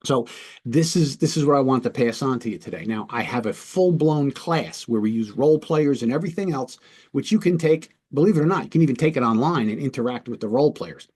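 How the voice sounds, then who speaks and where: Man, police lieutenant, conversational teaching talk, asks "right?" often, husky voice. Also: mid-range voice, animated, fairly quick, a little mellow. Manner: conversational, checks in with listeners. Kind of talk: instructional storytelling talk.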